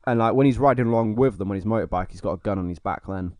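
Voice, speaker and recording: Fast-talking, low-voiced man. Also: darkish tone, no room sound. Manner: playful, rambling and joking. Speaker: podcast co-host. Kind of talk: casual comedic chat.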